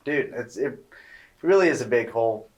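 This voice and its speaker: A man co-hosting a podcast, talking in a relaxed, rambling, opinionated way and swearing now and then. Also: mid-range voice, normal speed. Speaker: podcast co-host. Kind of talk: casual podcast chat.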